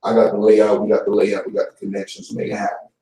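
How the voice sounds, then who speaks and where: A man's voice: on the low side, very animated, fast talker, gravelly, dark tone. Blunt man ranting in an echoey room. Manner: blunt, streetwise slang, repeats phrases. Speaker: YouTube commentator. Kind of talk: casual ranting vlog. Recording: echoey room, voice far from mic.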